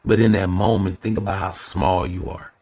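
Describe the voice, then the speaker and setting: A man's voice: sits low, fairly even intonation, normal speed, a little mellow. A man hosting a solo podcast, talking in a loose, rambling way full of fillers and repeated words. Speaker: podcast host. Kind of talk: casual solo podcast monologue.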